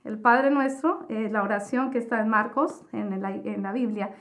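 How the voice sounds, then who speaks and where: A woman with a slightly high voice gives a personal religious testimony. She speaks earnestly and haltingly, pausing and restarting as she recounts her story. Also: fairly even intonation, a bit bright. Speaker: testimony giver.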